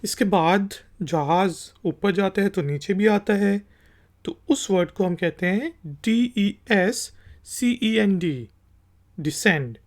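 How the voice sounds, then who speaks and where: Speaking slowly at a medium pitch, a Pakistani language teacher works through an explanatory lesson. Patient and repetitive, the teacher spells out each word letter by letter before repeating it.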